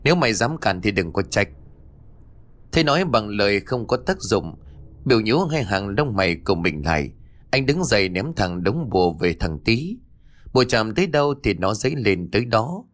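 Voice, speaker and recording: Low-voiced male audiobook narrator. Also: moderate pace. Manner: steady storytelling delivery. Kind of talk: scripted narration. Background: faint background music.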